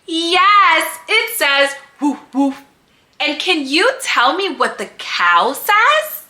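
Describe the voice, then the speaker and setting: Woman, toddler-teaching sing-song, extremely high pitch, very slow pace, encouraging, exaggerated, roomy echo. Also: sing-song, sharp tone. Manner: exaggerated, encouraging, simple phrases with pauses for replies. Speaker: children's educator host.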